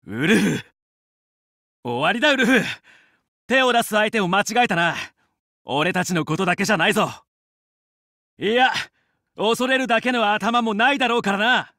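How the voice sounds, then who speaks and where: Video game hero, determined young fox pilot: high male voice, commanding, earnest, dry recording. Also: pushed and bright, no echo, exaggerated voice. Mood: defiant. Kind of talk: Japanese video game voice acting, battle callouts.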